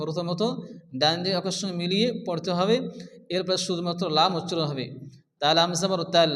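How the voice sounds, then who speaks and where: High-voiced man teaching Quran recitation. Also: a bit bright. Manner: asks questions and answers them himself, drawing out sounds slowly; chants the verses in a high, slow, melodic recitation. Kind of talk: step-by-step recitation lesson. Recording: long reverberant echo.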